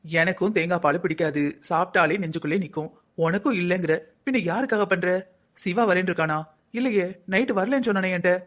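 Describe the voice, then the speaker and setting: A nagging older husband in a cartoon, as voiced by a performer, talking in a quick, middling-pitched voice with a South Tamil Nadu accent. He scolds and grumbles about the household without pause. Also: a bit bright, natural voice. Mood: grumbling. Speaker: voice actor in a family cartoon. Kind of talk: cartoon family comedy acting.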